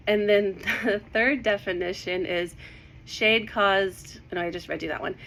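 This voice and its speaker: A woman giving a casual devotional talk about Bible verses, excited and a little out of breath. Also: mid-range voice, a little hiss or hum. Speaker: Bible teacher.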